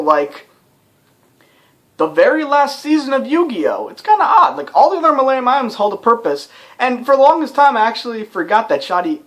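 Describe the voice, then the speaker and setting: Over game soundtrack music, a young adult with a medium-pitched, fairly bright voice narrates a let's play. The commentary is casual, chatty and wandering, full of filler words.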